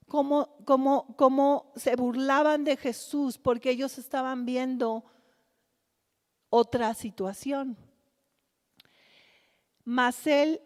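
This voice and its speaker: A woman's voice: fairly high pitch, a little mellow. A woman preaching a sermon, putting rhetorical questions to her congregation. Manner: asks the congregation rhetorical questions, slow and deliberate. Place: church hall. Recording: long reverb of a church hall.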